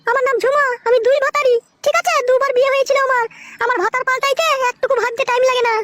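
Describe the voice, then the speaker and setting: A woman voicing a shrill, foul-mouthed young wife, screeching insults in a comic skit. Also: fairly even intonation, rapid-fire, background noise. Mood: raging.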